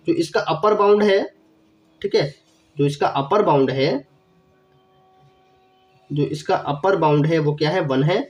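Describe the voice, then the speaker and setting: A young man teaching math in an online lecture, a little unwell with a cough, explaining step by step, repeating key phrases and asking the viewer questions. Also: high-pitched. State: has a cough, feeling unwell.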